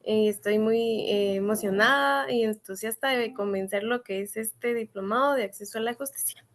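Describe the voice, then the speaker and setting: Young woman from Guatemala, higher pitch, eager student, video call intro. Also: moderate pace. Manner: eager, hesitant fillers. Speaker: law student.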